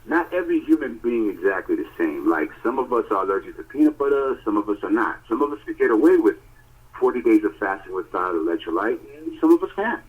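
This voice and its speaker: The tinny phone audio carries a podcast co-host whose husky voice is on the low side and fast. He tells his stories emphatically and casually, in an animated style thick with filler words.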